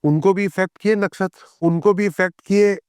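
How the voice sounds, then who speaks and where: A man explains astrology as a podcast guest in a smooth, resonant voice. His pitch sits a little high. The recording is dry and close. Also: steady tone, a little mellow, no room sound. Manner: reads scripture verses slowly, then explains in conversational tones.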